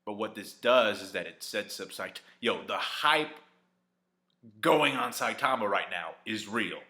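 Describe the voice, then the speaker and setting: A man giving live reaction commentary on an anime episode, exclaiming and cheering at the screen, then reviewing more calmly. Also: on the low side, a little slow. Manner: calmer reflective review toward the end.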